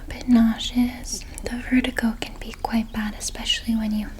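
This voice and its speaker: A woman doing a whispered role-play as a gentle, nurturing flower fairy, in a soft breathy whisper with a soothing, unhurried manner. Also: fairly high pitch, little pitch movement.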